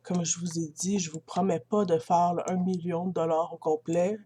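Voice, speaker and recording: A woman's voice: lowish voice, flat delivery, normal speed, mellow, slight background noise. A woman with a Quebec French accent giving casual commentary over a video game. She chats to her viewers, laughs easily and talks into a built-in computer mic. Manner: chatty, addresses viewers as friends, laughs easily. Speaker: gamer.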